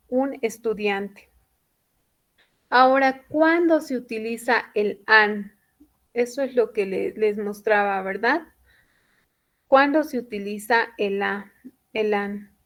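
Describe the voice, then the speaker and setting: Slow, patient woman teaching a class. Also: a little high. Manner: patient, repeats points and checks understanding. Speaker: English teacher. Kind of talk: classroom lesson explanation.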